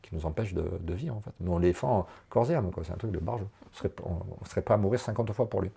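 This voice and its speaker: A man coaching a woman through a personal session, animated and encouraging, talking in quick bursts. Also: low-pitched, creaky, breathy edge. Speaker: enneagram coach.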